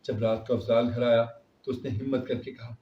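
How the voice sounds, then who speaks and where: A man telling a moral story in steady scripted narration. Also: mid-range voice. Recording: roomy, distant, dull recording.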